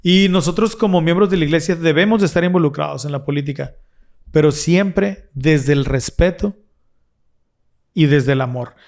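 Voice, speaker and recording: A man's voice: fairly high pitch, normal speed, gravelly, darkish tone. A man co-hosting a casual religious discussion, explaining earnestly and restarting his phrases often. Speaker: podcast co-host.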